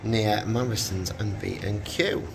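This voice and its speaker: A man filming in a small hotel lift on a handheld phone, gently and patiently explaining things to a child. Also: on the low side, measured pace, gravelly, poor audio. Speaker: vlogger filming lifts. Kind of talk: casual commentary to a child. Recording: steady background noise.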